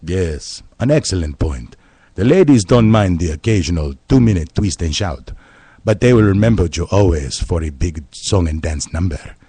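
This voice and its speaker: A man's voice: sits low, expressive, mellow, husky, no echo, full character voice. A man playing suave Latin host Diego. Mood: smooth. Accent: put-on Spanish. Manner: pompous, slow and self-assured. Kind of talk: comedy radio sketch.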